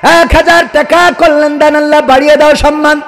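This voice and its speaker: Young bangladeshi guy preaching waz, really high voice, half chanting, asking for donations n responses, big echoey reverb. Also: little pitch movement, a little fast. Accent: Bangladeshi Bengali. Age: young adult. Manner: loud declamatory delivery slipping into singsong chant and asking the crowd for responses. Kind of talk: waz sermon with donation appeals and prayers. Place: stage at a religious gathering. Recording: long hall reverb from amplified sound system.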